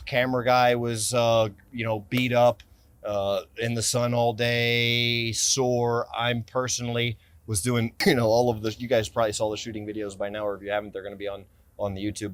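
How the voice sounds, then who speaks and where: Seated on a stone ledge in an outdoor city park, a forties-aged American gear company owner and vlogger chats about his everyday carry kit in a medium-pitched voice. His gear-review talk wanders and keeps interrupting itself, full of excitement for the gear. It's a dry recording, shot by a tripod camera a few feet off with some handheld close-ups.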